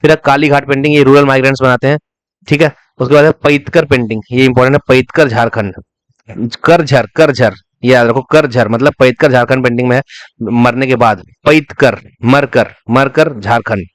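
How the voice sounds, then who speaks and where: A man teaching a fast revision lesson for exam students, repeating key terms as memory tricks and asking and answering his own questions. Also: mid-range voice, fairly even intonation, no echo. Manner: breaks into short sung snatches to illustrate.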